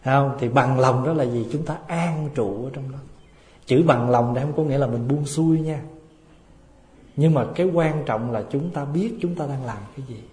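A man's voice: mid-range voice, normal speed, a little mellow, slight background noise. A male Buddhist monk giving a dharma talk. He tells humorous anecdotes and keeps asking rhetorical questions. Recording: echoey hall with long reverb.

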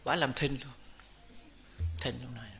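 A man's voice: medium pitch, a little slow, creaky. A man giving a Buddhist dharma talk, telling a village story and speaking directly to his listeners. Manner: lively storytelling, acts out characters' voices, addresses the audience directly. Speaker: Buddhist preacher.

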